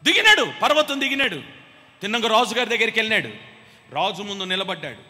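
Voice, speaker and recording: A man preaches a sermon with emphatic force, urging the congregation to answer aloud. His voice is high and bright. A long reverb from the church hall trails behind him. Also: big pitch swings, quick pace. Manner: emphatic, calls the congregation to respond. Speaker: pastor.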